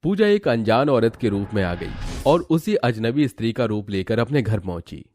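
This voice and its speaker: A man narrating a cartoon story in a steady, dramatic storytelling manner. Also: mid-range voice, normal speed, faint music behind.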